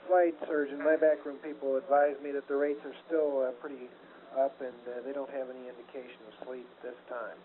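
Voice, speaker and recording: Man, tinny intercom loop voice, phone-thin sound, faint hiss, clipped halting speech. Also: medium pitch, level tone. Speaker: mission flight controller. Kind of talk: terse mission control loop chatter.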